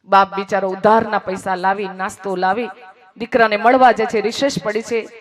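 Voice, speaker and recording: Moral storyteller, emotional, repeats lines for emphasis, mid-pitched voice. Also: steady tone, moderate pace, soft background music. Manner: dramatic, swings between hushed and raised voice.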